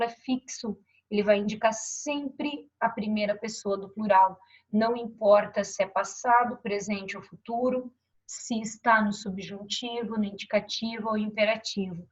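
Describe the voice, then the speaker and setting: A woman's voice: mid-range voice, breathy edge. A woman teacher explaining verb grammar and pointing to examples on a board, often checking in with her students. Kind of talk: grammar lesson. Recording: dull lo-fi recording.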